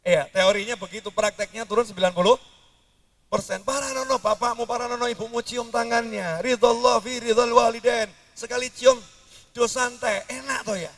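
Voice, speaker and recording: Lively high-voiced preacher. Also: male voice, brisk, far from the mic. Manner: animated, jumps between high outbursts and low mutters. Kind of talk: sermon.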